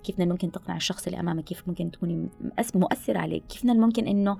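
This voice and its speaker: A woman gives animated advice on a podcast and mixes in English phrases. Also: fairly low pitch, very fast, creaky, husky, soft background music. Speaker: guest speaker on listening skills. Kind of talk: podcast conversation.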